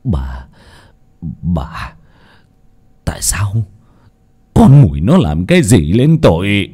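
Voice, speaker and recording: A man voicing a stern, suspicious husband who speaks low and clipped through gritted teeth. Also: lively intonation, quick pace, darkish tone. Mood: bitter fury.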